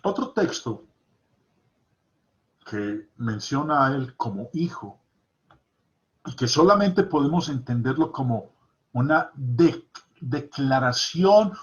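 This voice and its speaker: A man teaching a Bible study lesson, reading scripture aloud and stressing key points by repeating them. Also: medium pitch. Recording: dull lo-fi recording.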